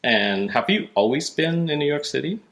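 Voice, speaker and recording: A man's voice: fairly high pitch, lively intonation, fairly bright tone. A man hosting a design podcast, friendly and easygoing, often laughing with his guest. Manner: friendly, laughs easily, slightly halting with fillers. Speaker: podcast host. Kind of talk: podcast interview.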